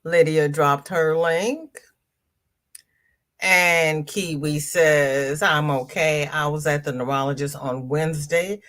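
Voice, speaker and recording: This crafting livestream host talks slowly in a low, fairly bright voice and sounds congested. In a relaxed, chatty manner, she says hello to viewers by name and reads their comments.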